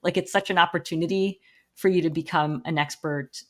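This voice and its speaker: A woman's voice: fairly low pitch, fairly even intonation, fairly quick. A woman in her forties, a podcast guest, speaking frankly and eagerly in casual conversation. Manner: enthusiastic, frank, many fillers.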